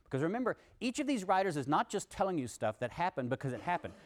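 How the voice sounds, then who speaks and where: Guy giving a college lecture, lively, punches up the read-aloud bits, dry little jokes. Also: high voice, fast. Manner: animated, reads scripture aloud with emphasis, wry asides. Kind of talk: university lecture.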